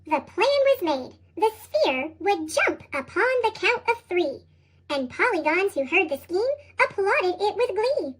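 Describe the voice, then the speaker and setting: A storybook reader whose voice runs through a chipmunk effect, squeaky and sky-high. The reading hops up and down in a lively sing-song and bounces through rhyming verse. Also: a little slow. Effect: sped-up, high chipmunk-style pitch shift. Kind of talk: reading picture books aloud.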